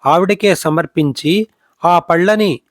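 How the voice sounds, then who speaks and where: A man's voice: high voice, slow pace, dry recording, clean studio sound. A man voicing a revered elderly male sage who laughs and gives commands in a storybook reading.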